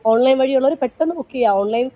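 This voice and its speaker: A woman who sells plants talks rapid-fire in a high-pitched voice, showing her stock and urging viewers to order in a casual sales chat. The recording, made at a plant nursery, sounds muffled.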